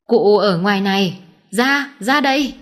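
A fatally stabbed old man pleads for help in weak, halting fragments, as a woman narrator puts him on. Each phrase comes out short and strained, lifted well above her usual pitch. It is an audio storybook reading. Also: fairly bright tone, close to an everyday voice. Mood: weak, urgent. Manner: broken, faint fragments. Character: dying old man, badly wounded, gasping.

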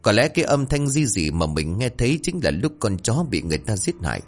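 A man narrating a horror story in a dramatic, animated storytelling manner. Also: fairly low pitch, fairly quick. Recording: faint background music.

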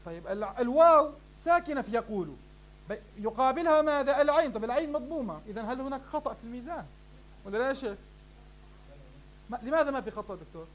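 Very high-voiced fast-talking sheikh. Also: male voice, animated, a little hiss or hum. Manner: poses questions to students and answers them himself; addresses the class warmly as "beloved ones". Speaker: sheikh teaching Arabic morphology. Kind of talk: classroom lecture.

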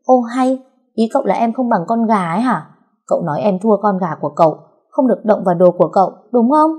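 A woman voicing a sharp-tongued, scheming young wife who taunts in sing-song rhymes and wails theatrically. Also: mid-range voice, lively intonation, normal speed, slightly rough. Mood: indignant.

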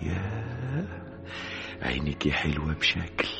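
A lovesick young man in an old Egyptian radio play, pleading with tender intensity. His voice is very deep yet swoops widely, with music clearly audible behind him. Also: lively intonation, a little slow, sharp tone, exaggerated voice. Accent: Egyptian Arabic. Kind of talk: 1960s Egyptian radio drama acting.

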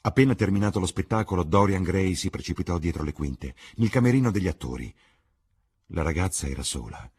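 A man narrating a classic novel as an audiobook in a measured, theatrical way. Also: deep voice, a little mellow, husky. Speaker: audiobook reader. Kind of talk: scripted literary narration.

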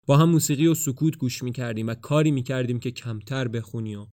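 A man's voice: mid-range voice, warm tone, no echo, clean studio sound, close to an everyday voice. A man voicing a frightened young man turned passionate. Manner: urgent, pleading, rising to passionate. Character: anxious young man, scared then bold.

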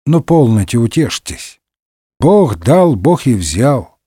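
A man's voice: mid-range voice, very animated, takes it slowly, slightly rough, no room sound, clean studio sound, full character voice. A man voicing a hot-tempered, sarcastic middle-aged swordsman in a comic audiobook, barking insults and mocking his friend. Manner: brusque, mocking, shouting insults.

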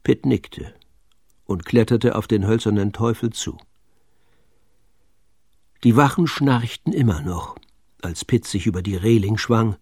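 A man narrating a children's adventure story in a calm, measured storytelling voice. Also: fairly low pitch, breathy edge, no room sound, studio quality.

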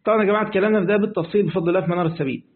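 Egyptian male religious teacher, fast and high-pitched, colloquial lesson over a narrow lo-fi line. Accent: Egyptian Arabic. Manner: lively, acts out dialogues, switches between reading text and colloquial asides. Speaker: sheikh teaching Quranic exegesis. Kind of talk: colloquial lesson explaining a classical text. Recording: tinny phone-like audio.

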